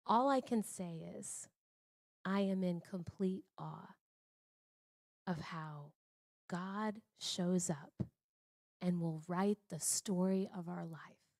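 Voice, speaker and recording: A woman telling a personal testimony to a women's church gathering, earnest and conversational, dropping to a hush and rising when excited. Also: on the low side, no room sound, clean studio sound. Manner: earnest, conversational, swings between hushed and excited. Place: church service.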